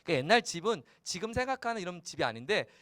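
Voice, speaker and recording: A male pastor preaching a sermon in a playful, animated way, slipping into character voices. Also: high-pitched, rapid-fire, no echo, studio quality.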